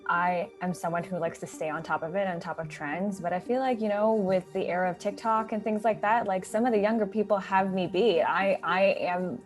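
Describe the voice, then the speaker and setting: A woman's voice: medium pitch, steady tone, brisk, few pauses, soft background music. A woman in her thirties, a guest consultant talking casually in an interview, with lots of "like" and "you know". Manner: chatty, many "like" and "you know" fillers.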